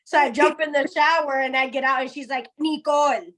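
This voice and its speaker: High-voiced woman telling lively stories. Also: fast talker. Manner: animated storyteller, acts out quoted voices. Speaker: co-host. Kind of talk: casual chat.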